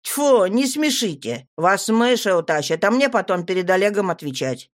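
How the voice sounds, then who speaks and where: A blunt, grumbling young village strongman from a fantasy audiobook, voiced by a woman. He talks in short, curt lines at a middle pitch. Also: lively intonation, moderate pace, natural voice.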